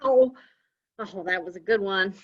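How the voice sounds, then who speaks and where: A woman's voice: medium pitch, lively intonation, normal speed, close to an everyday voice. A woman reading the part of an anxious young man who talks in a folksy cowboy drawl, in a live script reading. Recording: dull lo-fi audio.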